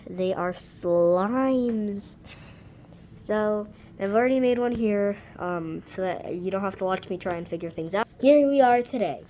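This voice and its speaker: Slightly hoarse chatty female craft host. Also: mid-range voice, measured pace, dark tone, slight background noise, rough recording. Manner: chatty, rambling, trails off mid-sentence. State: slightly hoarse, losing her voice. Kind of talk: casual how-to chat.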